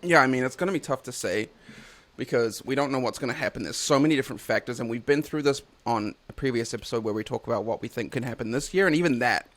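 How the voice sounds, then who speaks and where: A young man co-hosts a casual podcast, talking over housing prices while eating hot wings. He stays laid-back, with a mid-range voice of ordinary pitch. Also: fast talker, fairly bright tone. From Ontario, Canada. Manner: laid-back, talks through the burn with whoops. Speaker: podcast co-host, real estate agent.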